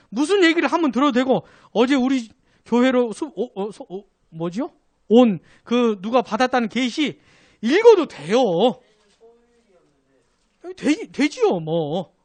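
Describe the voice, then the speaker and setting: A man, a pastor teaching a Sunday doctrine class, who keeps asking his listeners questions and then answers them himself. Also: extremely high pitch.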